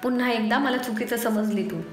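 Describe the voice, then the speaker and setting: A loving young fiancé speaks gently and reassuringly, soothing and apologetic, as a woman storyteller voices him. The voice sits fairly high and rings in an echoey room with a faint hiss behind it. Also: steady tone, fairly quick, lightly acted. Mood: reasoning. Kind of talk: storytelling audiobook dialogue.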